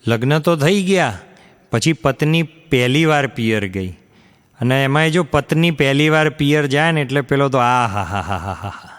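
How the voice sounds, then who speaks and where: A stand-up comedian tells his stories on a live stage. His voice sits a little high for a man, and a long hall reverb trails each line. He slips into other voices to act out the people in his jokes. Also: moderate pace, a bit bright, clean tone. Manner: acts out quoted characters with shifts in pitch. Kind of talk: stand-up storytelling in Gujarati.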